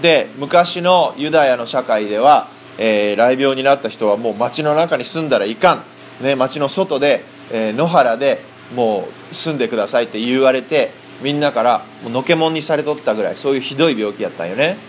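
A man interpreting a sermon in lively, colloquial speech and acting out the quoted voices. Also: mid-range voice, a little fast, a little hiss or hum. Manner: animated, acts out quoted voices. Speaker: interpreter for a preacher.

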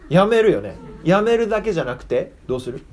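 A man's voice: high-pitched, very animated, fast talker, a little mellow. A man giving a casual sermon to children, chatting and asking them questions. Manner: chatty, asks the audience questions. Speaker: preacher teaching children.

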